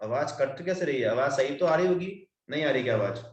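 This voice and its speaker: A man teaching an online class, guiding his students patiently and calling them "beta". His voice sits high and rings in an echoey room. He spells out letters one at a time as he explains. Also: lively intonation, brisk.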